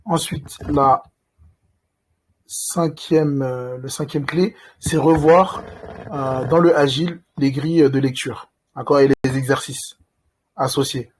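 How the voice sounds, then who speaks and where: In a recorded reading lesson, a male teacher patiently goes through each point, slowly drawing out sounds to show how they should be pronounced. His mid-range voice stays steady, with slight noise in the background.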